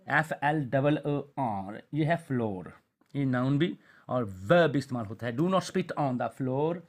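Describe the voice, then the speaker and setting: A man teaching an English vocabulary lesson, who reads example sentences very slowly and then explains them quickly. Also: medium pitch, fairly bright tone.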